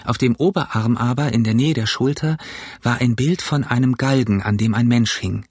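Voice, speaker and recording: A man narrating an audiobook in a steady, measured storytelling manner. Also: mid-range voice, husky, dry recording, studio quality. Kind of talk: audiobook reading.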